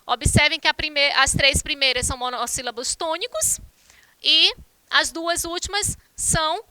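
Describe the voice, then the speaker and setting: A woman from Brazil teaches an online grammar class, explaining each rule patiently and speaking directly to her students. Her voice is high and bright. The recording is dry and close. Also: unhurried, no echo. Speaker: Portuguese teacher.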